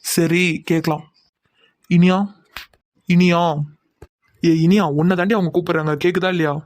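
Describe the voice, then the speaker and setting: A man voicing several young men in a Tamil cartoon drama, talking quickly and heatedly as they bicker. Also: high voice, flat delivery, dry recording, clean studio sound. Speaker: voice actor for several male cartoon characters.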